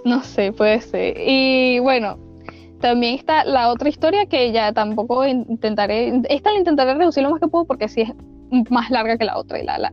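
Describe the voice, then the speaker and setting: A young woman with a Venezuelan accent tells a ghost story in casual, slangy chat, full of fillers and restarts. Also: sits high. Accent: Venezuelan Spanish. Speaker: podcast storyteller. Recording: dull lo-fi recording with faint music.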